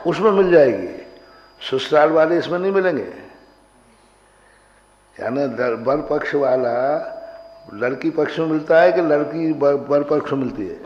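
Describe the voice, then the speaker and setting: A man's voice: mid-range voice, darkish tone. A man teaching a grammar class, quizzing his students and drilling them on pronunciation. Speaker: religious teacher. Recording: roomy hall, dull lo-fi sound.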